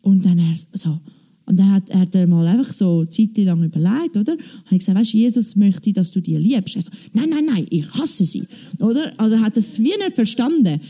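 Woman on stage, dark mellow voice, chatty testimony full of quoted dialogue. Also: medium pitch, fairly quick, breathy edge. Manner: animated storytelling, quoting with "ich so, sie so". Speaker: church member giving testimony.

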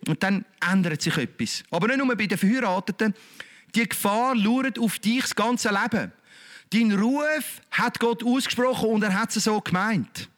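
A man's voice: high-pitched, moderate pace, a bit bright. A man with a Swiss German accent preaching a sermon in a colloquial, emphatic, repetitive way.

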